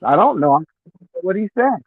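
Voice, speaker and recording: A man's voice: sits high, sing-song, normal speed, breathy edge, no echo. Muffled man arguing over a phone line. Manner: insistent, argumentative. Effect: muffled phone line, as if heard through glass. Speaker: caller. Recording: tinny dry phone call.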